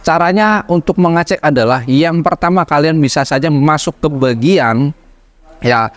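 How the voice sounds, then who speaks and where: A man's voice: fairly high pitch, moderate pace, dry recording. A man hosts an informal tutorial vlog, explaining in an instructive way and often rephrasing his points. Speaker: YouTube host giving debt advice.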